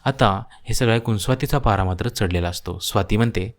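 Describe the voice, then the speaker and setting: Male narrator for a cartoon story, steady and storytelling. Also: fairly low pitch, brisk.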